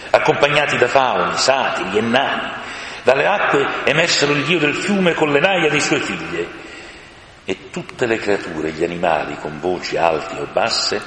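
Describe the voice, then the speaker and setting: A man narrating a storybook, expressive and varied in his telling. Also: on the low side, slight background noise. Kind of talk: storybook reading. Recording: echoey room with long reverb.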